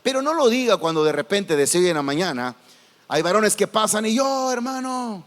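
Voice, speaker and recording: A male pastor delivers an animated sermon in a high voice, swinging between soft asides and loud exclamations. His words ring out in a big hall with a long reverb. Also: normal speed. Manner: animated preaching, acts out congregation voices.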